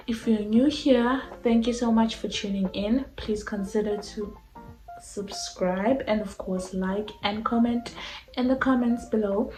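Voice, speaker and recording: A woman's voice: medium pitch, echoey room, rough recording. A woman in her twenties from South Africa, talking casually and rambling to her vlog audience with lots of fillers. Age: 20s. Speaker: vlogger. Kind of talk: casual talk to camera.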